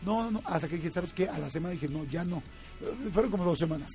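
A man with a Mexican accent telling a story in casual chat, animated, laughing often and acting out quoted voices. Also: a little high, quick pace, soft background music. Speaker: guest.

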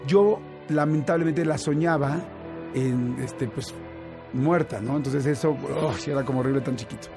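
A man with a Mexican accent telling a personal story in casual chat, animated and full of fillers and restarts. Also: mid-range voice, normal speed, music in the background. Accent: Mexican Spanish.

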